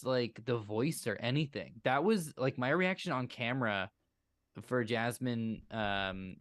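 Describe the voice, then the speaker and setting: A man's voice: medium pitch, fairly bright tone, no room sound. A man from the cast answering a fan question in a casual livestream, hesitant and full of fillers. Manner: hesitant, many fillers and restarts. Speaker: player and cast member.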